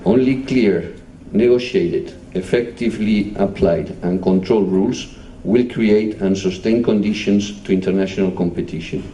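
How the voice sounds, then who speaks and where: Spanish-accented male official, low and mellow voice, formal measured delivery, caught from a distance in an echoey hall with faint noise. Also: dull audio. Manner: measured, formal, reading out titles. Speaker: European Union official giving a speech. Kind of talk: formal conference speech.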